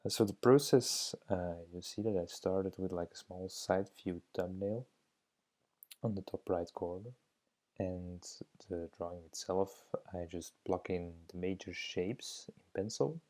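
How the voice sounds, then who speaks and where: This young Belgian drawing teacher, a native Dutch speaker, talks over footage of his drawing in a hesitant, reflective way full of fillers. His voice is low, mellow and a touch slow.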